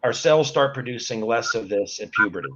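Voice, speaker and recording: A man's voice: medium pitch, animated, brisk, a bit bright, dull audio. A man in his sixties, a guest on an online talk show, earnestly explaining things step by step. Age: 60s.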